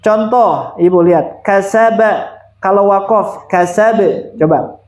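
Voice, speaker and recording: A man's voice: high-pitched, slow, reverberant, a crowd in the background. A man teaching Quran recitation, patiently repeating and demonstrating pronunciations for a student. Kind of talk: one-on-one recitation lesson.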